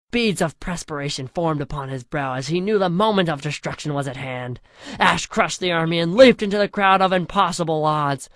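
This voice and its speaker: Recorded at studio quality with no room sound, a narrator delivers a crude parody fan story as comedy in grand mock-epic style. Dialogue gets shouted, while asides sink to a low voice.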